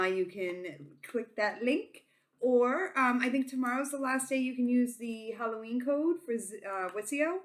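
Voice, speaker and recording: A woman with a Boston accent giving a casual psychic reading to viewers, informal, slangy and affectionate, sounding tired and a little silly. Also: a little high. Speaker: tarot reader and channel host.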